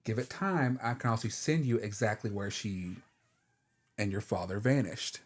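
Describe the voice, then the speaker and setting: A man voicing a calm, wry woman archmage mentor in a tabletop game. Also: fairly low pitch, normal speed.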